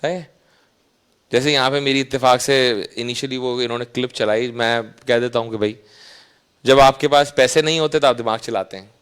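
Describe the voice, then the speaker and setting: A man with a Pakistani Urdu accent, giving a casual, anecdotal talk to students and often checking 'right?'. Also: medium pitch. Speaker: invited speaker.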